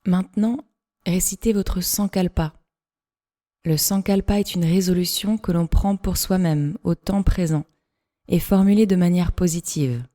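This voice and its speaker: A woman leading a yoga relaxation meditation speaks in a mellow voice that sits on the low side. She delivers measured, short-phrased instructions with pauses in between.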